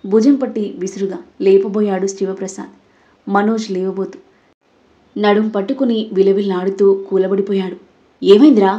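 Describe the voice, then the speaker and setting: A woman narrating a Telugu audio story in a steady, dramatic storytelling manner. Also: mid-range voice, normal speed, highs cut off.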